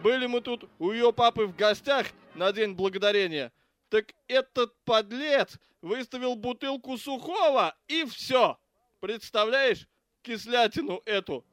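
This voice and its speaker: Man reading crude angry cop, high voice, ranting, cursing, audiobook, faint music. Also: animated, unhurried, a bit bright, no echo, heavily acted. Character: foul-mouthed grudging adult male cop.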